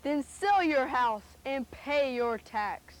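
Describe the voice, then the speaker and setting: A haughty Bible-era tax collector played by a woman, with a high-pitched voice. He declaims pompously, every bit the greedy official and self-satisfied man of the house. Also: lively intonation, slow. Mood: stern, demanding.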